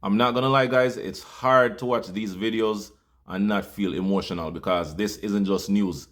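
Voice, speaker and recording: Jamaican male host, low-pitched, earnest appeal, casual with fillers. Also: fairly even intonation, normal speed. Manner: heartfelt, loose with fillers. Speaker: channel host.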